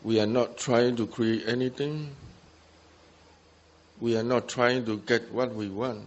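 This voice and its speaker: At a meditation retreat, a Buddhist teacher who isn't a native English speaker offers guided instruction in short, simple phrases broken by gaps. His medium-pitched voice keeps a steady tone and a measured pace, and the recording's highs are cut off.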